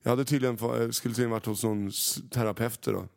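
A man's voice: medium pitch, steady tone, gravelly, a little mellow. A man co-hosting a podcast in casual chat, joking and mocking himself, speaking into a handheld mic. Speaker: podcast co-host. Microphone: handheld microphone.

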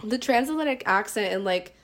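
A woman's voice: a little high, expressive, brisk, a crowd in the background. Enthusiastic woman talking horror films. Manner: enthusiastic, explains horror trivia. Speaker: podcast co-host. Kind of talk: casual movie-watch chat.

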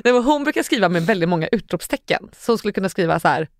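A young woman co-hosting a podcast in casual chat, animated and acting out quotes. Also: dry recording, clean studio sound. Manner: animated, acts out quotes with sudden high outbursts and laughs. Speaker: podcast co-host.

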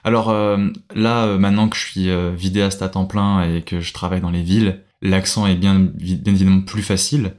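A man's voice: deep voice, little pitch movement, a little fast, few pauses, darkish tone. A young man from France, a podcast guest chatting casually, hesitant with many fillers and restarts. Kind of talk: casual interview chat.

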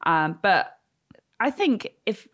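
A woman's voice: medium pitch, very animated, takes it slowly, a bit bright. Young woman, from North Wales, travel vlog co-host, chatty, teasing, casual. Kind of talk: casual chat.

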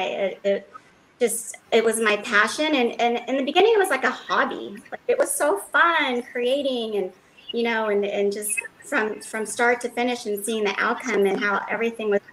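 A woman's voice: a little high, moderate pace, a bit bright, a little hiss or hum, low-quality recording. A woman from Los Angeles, a fashion designer, giving rambling interview answers full of fillers and restarts.

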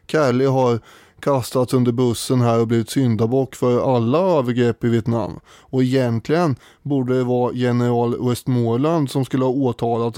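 A podcast co-host on a casual history show speaks in a warm, mellow, medium-pitched voice. He's thoughtful and hesitant, pausing often on fillers while working out his points, and the sound is close and dry with no echo.

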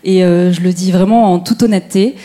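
A woman's voice: lowish voice, fairly even intonation, a little fast, warm tone. A woman from France introducing herself earnestly on a live podcast panel. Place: theatre stage.

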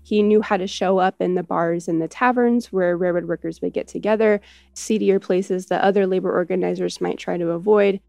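A woman's voice: lowish voice, fairly even intonation, fairly quick, creaky, mellow, no room sound. A woman speaking as an expert interviewee, explaining history in a conversational way.

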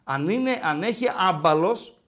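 A man's voice: high voice, lively intonation, a bit bright. A man hosting a casual sports talk show, telling stories and teasing his co-host. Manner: storytelling, mimics dialogue in quotes; bantering, teasing.

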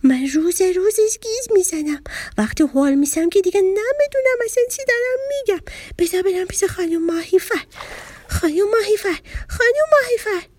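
A woman's voice: very high-pitched, lively intonation, darkish tone, no echo. A woman voicing a scatterbrained young fish who rambles, gets tongue-tied and easily confused, in a children's story. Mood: panicked.

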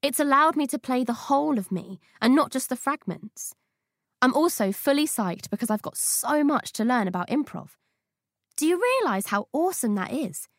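A woman's voice: high voice, lively intonation, moderate pace, dry recording, clean studio sound. A woman reading her essay aloud for an audiobook, in a playful, witty and slangy manner.

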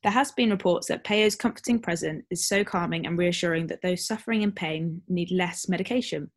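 A woman co-hosting a podcast, chatting casually with her co-host. Her voice sits on the low side, and she pads her sentences with fillers and quick laughs as she tells a story. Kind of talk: casual chat.

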